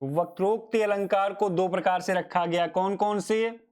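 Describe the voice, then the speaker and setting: A man giving a grammar lecture at an unhurried, deliberate pace, his voice sitting high for a man. He poses questions to himself and answers them, then repeats each definition so it sinks in. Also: steady tone, darkish tone. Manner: addresses students fondly as child. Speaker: teacher.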